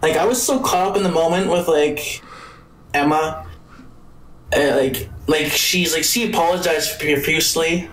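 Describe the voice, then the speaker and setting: A man's voice: on the high side, unhurried, fairly bright tone, slight background noise. A man co-hosting a podcast, rambling casually with restarts and frequent laughs about an anime episode. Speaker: podcast co-host. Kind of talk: casual anime review chat. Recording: echoey room.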